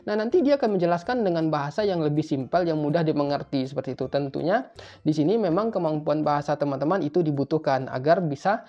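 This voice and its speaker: Speaking quickly in a dark, high-leaning voice, a young man coaches listeners on job interview answers in Japan with an easygoing, talkative style. A particular filler tag keeps cropping up in his speech. The sound is a bit muffled, and soft music runs underneath.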